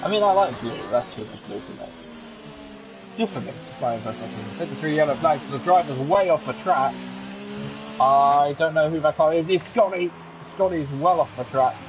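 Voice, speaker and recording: A man giving live commentary on a racing league, excitable and chatty with joking asides. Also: on the high side, a little fast. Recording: game engine noise under the voice. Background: racing car engine sounds from the game.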